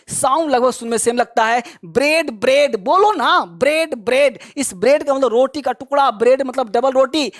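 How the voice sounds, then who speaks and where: Male teacher, higher-pitched voice, insistent classroom drilling, dry close sound. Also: no room sound. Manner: emphatic, repetitive drilling, spells words letter by letter; urges students to hurry and memorize. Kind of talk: classroom vocabulary lesson.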